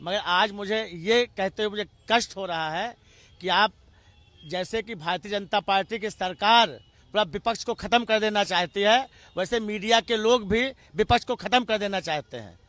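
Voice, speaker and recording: Impassioned male party spokesman, bright forceful voice, piling up rhetorical lists. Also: high voice, moderate pace, no echo. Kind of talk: heated TV debate argument.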